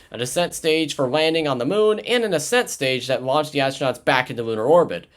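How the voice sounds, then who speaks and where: Male history narrator, casual and chatty, slightly high voice with a lively melody. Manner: chatty asides, frequent self-corrections. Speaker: history video host.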